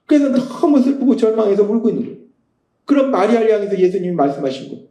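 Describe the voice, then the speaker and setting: A man's voice: high-pitched, big pitch swings, very fast, dark tone, echoey room, poor audio. A male pastor delivering a sermon, repeating key phrases and asking rhetorical questions with emphasis.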